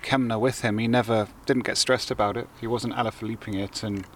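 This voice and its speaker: A man analysing a race calmly in a casual chat. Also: fairly low pitch, brisk, a little hiss or hum.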